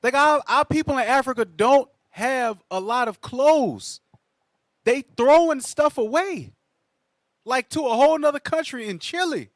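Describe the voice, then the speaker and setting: A man's voice: very high-pitched, animated, measured pace, no echo. A man talking casually as a panelist in a group news discussion, slangy and emphatic, often repeating himself.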